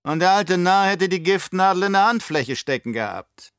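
A man voicing a scheming old baron with a slow, mocking, condescending delivery in an audiobook. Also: high-pitched, expressive, a bit bright, clear, resonant tone, no echo, studio quality, voice pushed up. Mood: menacing. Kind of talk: audiobook character voice.

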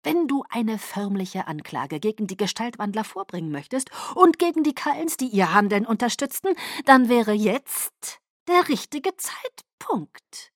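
A cold, scheming vampire lord barks his lines in a loud, clipped, hurried voice, as a woman puts him on. He is curt and brusque, with a dry, close sound. This is an audiobook reading. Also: mid-range voice, very animated, no room sound.

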